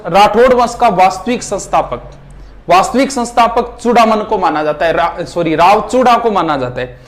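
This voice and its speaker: A man teaching a history revision lesson at a board, reciting names and facts in quick lists. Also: sits high. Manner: rapid, list-like recitation. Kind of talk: fast exam revision lecture at a board. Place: classroom with board.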